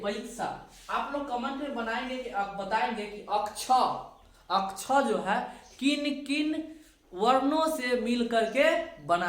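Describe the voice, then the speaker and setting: Woman teacher, patient, drills spelling letter by letter; slightly high voice, very slow, echoing room recording. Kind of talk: classroom lesson, spelling out words. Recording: echoey room, voice from a distance.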